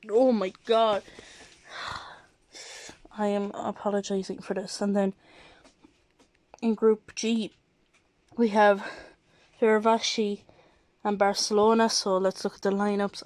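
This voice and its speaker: Hiccuping as she goes, this woman runs through football lineups and scores in a casual live reaction, excusing herself again and again as a football vlogger. Her voice is medium-pitched and a little mellow, captured in a low-quality recording with no room sound.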